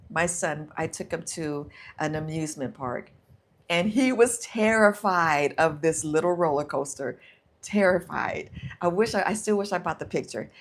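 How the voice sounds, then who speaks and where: A middle-aged woman hosting a casual motivational live stream, talking herself through fears aloud and reading comments from viewers. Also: fairly low pitch. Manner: warm encouraging, talks to herself aloud, reads viewer comments. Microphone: handheld or clip mic.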